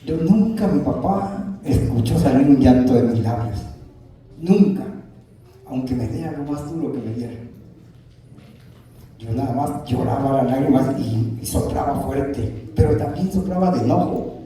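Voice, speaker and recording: A man's voice: mid-range voice, expressive, a little slow, warm tone, slight background noise. A man preaching a sermon with emphatic rhetorical questions, lists and personal stories. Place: church. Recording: echoey room heard from a distance.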